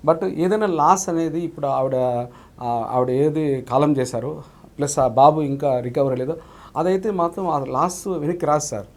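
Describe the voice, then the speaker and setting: A man's voice: on the high side, normal speed, darkish tone. A man, an actor being interviewed, talking earnestly and politely with frequent restarts. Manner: earnest, calls the host "sir" constantly, frequent restarts. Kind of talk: casual interview talk.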